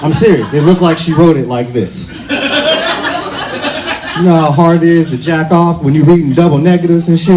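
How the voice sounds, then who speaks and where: A man doing loose, profane stand-up comedy on a bar stage, telling stories in an animated way. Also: a little high. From Washington, D.C. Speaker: stand-up comic. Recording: loud crowd laughter and room noise.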